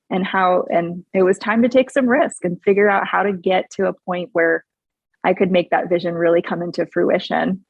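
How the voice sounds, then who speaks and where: A woman's voice: fairly low pitch, dry recording, muffled recording. A woman in her forties from Hawaii, a podcast guest telling her story in an earnest, upbeat way with frequent laughs. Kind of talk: casual interview chat.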